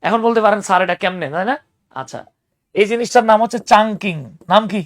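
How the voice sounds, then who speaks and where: A young man teaching spoken English in an online class, lively and teasing, explaining patiently with examples. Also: sits high, fast, no echo.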